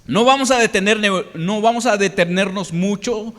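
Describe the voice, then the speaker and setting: A man's voice: high voice, moderate pace, a bit bright. A man preaching a sermon, reading scripture and explaining it plainly to the congregation with frequent restarts. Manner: reads scripture aloud and explains it in plain words; addresses the congregation directly, many restarts. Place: church hall. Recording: long reverb of a church hall.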